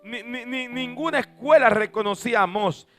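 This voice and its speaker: A man preaching a sermon and telling stories from the pulpit, swinging from booming shouts to soft asides. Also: normal speed. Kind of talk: sermon with storytelling.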